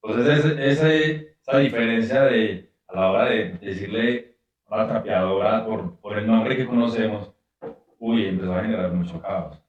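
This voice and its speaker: A man with a Colombian accent, a guest explaining things in a measured, casual way. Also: lowish voice, heavy reverb, recorded from a distance, muffled recording. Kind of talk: casual conversation.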